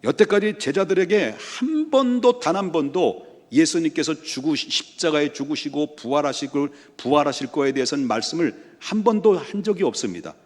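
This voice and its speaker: Pastor guy giving a sermon, kinda high voice, lots of rhetorical questions, repeats himself for emphasis. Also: lively intonation, normal speed, hardly any pauses, big-room sound. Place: church sanctuary.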